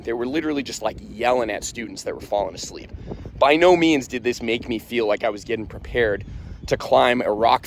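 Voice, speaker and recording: A man's voice: mid-range voice, slight background noise. A young man speaking candidly and earnestly about his own Army experience, in a casual storytelling way. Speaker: vlogger and Army veteran. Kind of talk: casual first-person storytelling.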